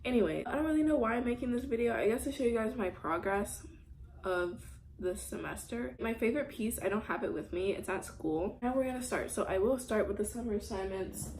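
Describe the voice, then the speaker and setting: A young woman in her late teens with a sore throat, chatting casually and softly at home while she eats. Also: a little high, animated, fairly quick, slight background noise, rough recording. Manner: talking softly while eating. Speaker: art student vlogger. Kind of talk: casual chat.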